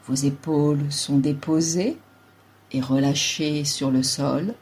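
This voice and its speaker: In a low, slightly rough voice, a yoga nidra teacher calmly guides a relaxation meditation, giving measured instructions a few words at a time.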